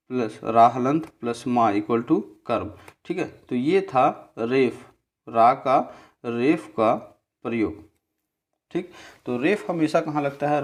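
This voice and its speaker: A man teaching a grammar lesson over a slide, explaining step by step and often checking in with his listeners. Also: mid-range voice. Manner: slow, repetitive, checks in with "theek hai"; spells out syllables slowly.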